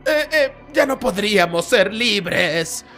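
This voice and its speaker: A man's voice: high voice, animated, takes it slowly, gravelly, sharp tone, soft background music, full character voice. A man voicing a cowardly small ghost, ingratiating and nervous, in a dramatic toy-dinosaur story. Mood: begging.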